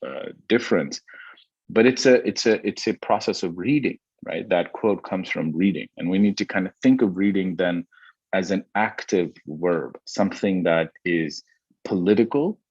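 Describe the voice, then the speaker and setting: A very deep-voiced man from Pakistan speaks as a historian in an academic conversation. He talks thoughtfully, often stopping with fillers and restarting his sentences. The sound is dry and dull. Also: normal speed, a little mellow, no echo. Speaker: historian guest.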